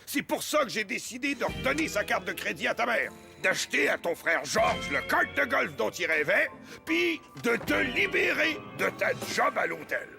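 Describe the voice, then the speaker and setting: A blustering rich hotel-owner father from a Québécois cartoon, loud and bossy. His voice sits high and swings widely, with a gravelly crackle. Background music plays under him. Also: sing-song, normal speed, exaggerated voice. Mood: gushing. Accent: Québécois French. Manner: loud, bossy, then gushing. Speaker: cartoon voice actor.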